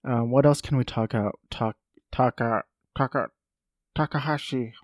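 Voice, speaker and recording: A man's voice: medium pitch, normal speed, a little mellow, no echo, studio quality. A man in his thirties hosting a solo comedy podcast from his home office, rambling and swearing with self-mocking asides. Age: 30s. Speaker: podcast host.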